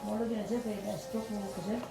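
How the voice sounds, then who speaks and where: A man's voice: high-pitched, little pitch movement, brisk, gravelly. A man, a patient giving short polite answers to his therapist. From Philippines. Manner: short polite replies, says sir often. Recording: echoey room with music playing.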